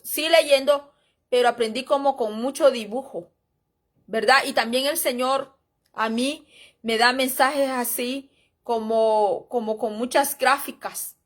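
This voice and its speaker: High-voiced woman teaching. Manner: chatty and rambling, often calls the listeners brothers and sisters. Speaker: Bible teacher. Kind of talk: informal church history lesson, reading aloud and commenting.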